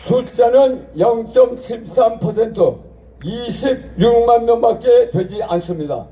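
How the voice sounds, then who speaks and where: Man shouting a shrill propaganda style rally speech, slow and drawn out, distant echoing pa. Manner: shouted, rousing propaganda-style oratory with slogans; declamatory, rhetorical questions to the crowd. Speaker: rally speaker, association chairman. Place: outdoor street rally over loudspeakers. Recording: echoing outdoor PA, distant, faint music.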